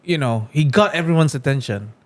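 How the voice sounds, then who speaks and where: A man hosts a podcast in relaxed, friendly chat. His voice sits fairly high and jumps around a lot, and he teases his guest playfully. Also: fairly quick. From Brunei. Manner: playful, teasing, uses "bro". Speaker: podcast host.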